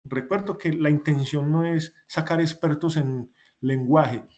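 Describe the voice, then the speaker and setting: A man's voice: fairly high pitch, fairly even intonation, a little slow, a little mellow, highs cut off. A man, teaching an online class. He explains patiently and goes over each rule again with examples. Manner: explanatory, repeats points with examples. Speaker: instructor.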